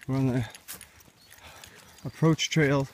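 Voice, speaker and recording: On forest trails and at camp, a young man vlogs slowly to a handheld camera in a mid-range, fairly even voice, pointing things out in a relaxed, chatty way. A slight hiss or hum sits in the recording.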